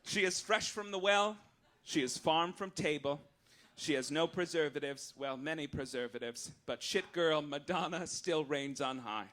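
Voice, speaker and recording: On stage at a live cabaret venue, a comedian hosting a live show delivers a satirical stand-up monologue in the form of mock-official rulings to the audience. His campy, arch, theatrical reading of the announcements comes in a slightly high, somewhat bright voice at a moderate pace.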